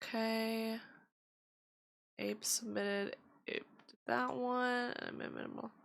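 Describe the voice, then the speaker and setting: A woman's voice: a little high, flat delivery, slow, creaky. A woman streaming tarot readings in casual chat, chatty and giggly with lots of fillers, her voice slightly strained.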